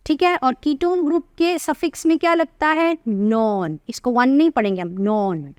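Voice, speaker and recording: An Indian woman teaching chemistry, asking the class questions and spelling out formulas slowly. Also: high-pitched, darkish tone, no room sound, clean studio sound. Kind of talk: classroom lesson in Hindi-English mix.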